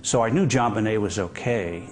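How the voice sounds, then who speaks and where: An older man giving a reflective television interview, measured and hesitant, with frequent pauses and fillers. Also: fairly low pitch, soft background music. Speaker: interview guest.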